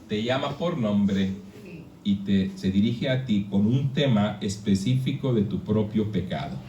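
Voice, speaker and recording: A Mexican pastor preaches a sermon to a congregation in a church hall, speaking conversationally and asking his listeners lots of questions. His voice is medium-pitched with a darkish tone. The echoey church recording has him away from the mic, with slight background noise.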